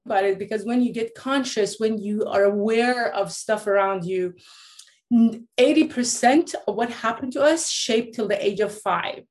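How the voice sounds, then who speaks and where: The audio here is poor. A fairly high-pitched, slightly mellow female voice at a moderate pace belongs to an Iranian-born life coach in her late thirties, a guest telling her personal story with many restarts and fillers.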